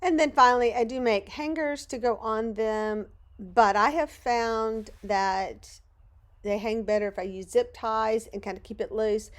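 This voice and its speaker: Talking a little slowly in a voice on the high side, a middle-aged Louisiana woman who hosts a craft channel wanders chattily through her project and teases herself along the way. Hoarse and worn, her voice seems close to failing. She sounds like she's with friends in a cluttered home studio, narrating casually.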